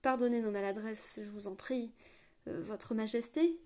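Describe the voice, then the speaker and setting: A woman's voice: a little high, fairly even intonation, normal speed, mellow, natural voice. Weary young storybook heroine, earnest and polite, voiced by a woman reader. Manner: earnest, apologetic.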